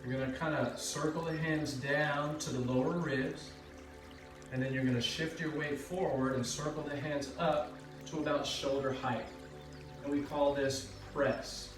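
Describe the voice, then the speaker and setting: A man instructing tai chi step by step in short, calm, measured cues. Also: on the high side. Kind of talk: step-by-step spoken movement instruction. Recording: echoey room, far from mic, music behind. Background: music.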